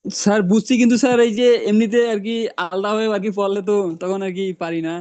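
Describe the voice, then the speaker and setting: A man who is a student in an online English class, answering in a hesitant, halting way with many fillers. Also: sits high, a little mellow, smooth. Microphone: video call.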